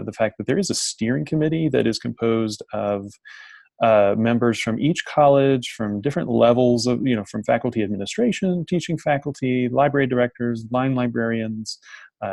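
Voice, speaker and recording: A man's voice: fairly low pitch, gravelly, a little mellow, dry recording. A man on a video call, presenting an information session to an online audience and often restarting his phrases.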